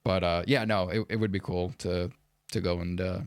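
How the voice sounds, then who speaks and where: A gravelly, somewhat low-voiced man chatting casually as a podcast co-host. He rambles in halting bursts, restarting and repeating words as he feels his way through a thought. The sound is dry and close. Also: steady tone, dry recording. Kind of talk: casual chat.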